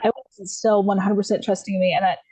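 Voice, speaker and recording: A woman's voice: mid-range voice, level tone, quick pace, warm tone, dry recording, low-quality recording. Dry-sounding woman from the USA, rambling. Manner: rambling, many fillers and restarts; laughs lightly while telling. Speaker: podcast guest. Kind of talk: casual storytelling.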